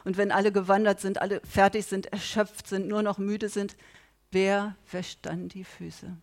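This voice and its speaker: Woman, middle-aged, preaching, impassioned, swings from loud to hushed, medium-pitched voice. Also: flat delivery, normal speed. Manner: impassioned, swinging from loud appeals to quiet emphasis. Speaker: pastor. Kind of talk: sermon.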